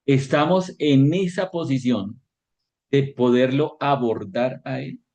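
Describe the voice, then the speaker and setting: A man teaching a devotional Bible lesson as pastor, slow and questioning, often checking in with his listeners. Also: mid-range voice, a little mellow.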